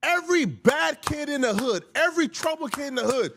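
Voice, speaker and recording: High-voiced man ranting with jokes. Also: expressive, fairly quick, a bit bright, slight background noise. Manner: joking, slangy, ranting. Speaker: livestream host. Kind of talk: casual reaction commentary.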